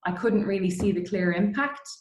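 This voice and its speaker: With a medium pitch and normal speed, this middle-aged woman from Dublin speaks in an Irish accent as an interview guest. She co-founded a distillery and chats informally about her career, recorded in a roomy, echoey space.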